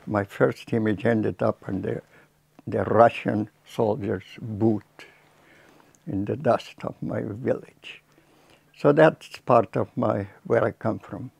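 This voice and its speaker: A man in his nineties from Lithuania with a Lithuanian accent, telling his life story haltingly with many restarts, seated in a cluttered workshop. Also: on the low side, creaky, a little mellow, husky, dry recording. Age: 90s. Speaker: filmmaker recounting his life. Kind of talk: reflective storytelling. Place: cluttered workshop indoors, small room.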